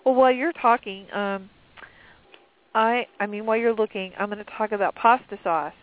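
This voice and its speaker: A sniffly woman with a mid-range voice co-hosts a cooking show, chatting casually at a moderate pace. She rambles with plenty of fillers, and the audio sounds like a dry, tinny phone line.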